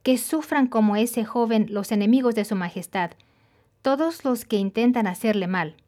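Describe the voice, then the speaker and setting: A woman's voice: fairly high pitch, moderate pace, mellow, natural voice. A woman voicing a formal male messenger. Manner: formal, announcing. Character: male messenger bringing news to a king.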